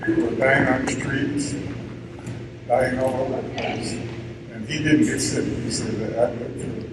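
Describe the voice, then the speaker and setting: A man in his nineties speaks to a gathering as a veteran, in a plain, halting way with short phrases. His voice sits at an average pitch. It comes from some distance in a very echoey space, with clear noise behind it. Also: steady tone. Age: 90s. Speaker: army veteran giving a speech. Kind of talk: informal commemorative speech to an audience. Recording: echoey, distant, noisy event PA recording.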